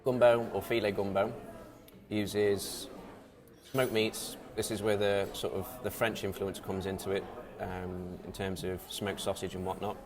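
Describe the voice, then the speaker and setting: A man explains each dish in a relaxed way, listing ingredients and pausing on ums. His voice is low. Clear crowd chatter fills the background. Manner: explains dishes, lists ingredients, many ums. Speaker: deli co-host. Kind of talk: casual food explanation.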